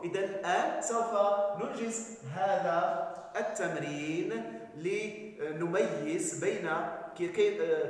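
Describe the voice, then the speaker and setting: A male primary school teacher with a Moroccan accent, giving a dictation lesson to young pupils and stretching out key words slowly and with emphasis. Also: high voice. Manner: slow, emphatic, drawn-out syllables, frequent praise. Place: classroom. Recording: very echoey classroom with long reverb.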